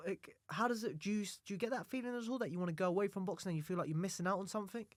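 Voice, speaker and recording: A man's voice: high voice, very fast, no room sound, studio quality. A man hosting a podcast interview, asking questions casually and nudging the guest on with short encouragements. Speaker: podcast host.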